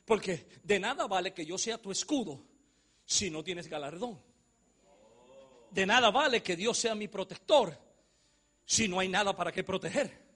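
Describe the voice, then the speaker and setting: A man preaching a sermon, swinging from hushed storytelling to shouting and joking with his audience. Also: high-pitched, expressive, moderate pace, long pauses, husky.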